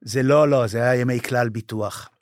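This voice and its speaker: Older man telling animated stories. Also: medium pitch, no echo, studio quality. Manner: animated storyteller, acts out quoted dialogue; emotional, says he is moved. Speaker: former basketball club manager, guest. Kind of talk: storytelling in a podcast interview.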